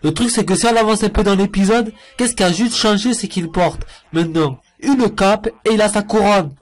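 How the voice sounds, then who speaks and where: His voice sits high and moves at normal speed as he pokes fun at cartoon clips. The man reviews cartoons, offering sarcastic, jokey mockery over the footage.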